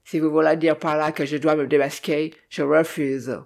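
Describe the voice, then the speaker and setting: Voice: mid-range voice, level tone, normal speed, gravelly, lightly acted. A reader voicing a masked older American man who answers brusquely, sounding a little off-mic. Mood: curt.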